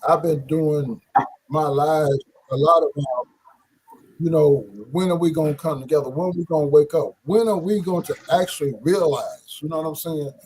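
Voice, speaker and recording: A man's voice: fairly high pitch, moderate pace, a little mellow, husky, rough recording. A man talking casually in a group discussion, often checking that his listeners follow him. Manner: conversational, often checks for agreement with tag questions.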